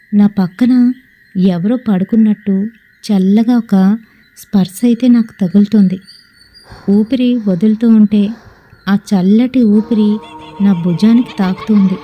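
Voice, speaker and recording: A woman's voice: medium pitch, lo-fi sound. A woman narrating a first-person ghost story and acting out family members' lines.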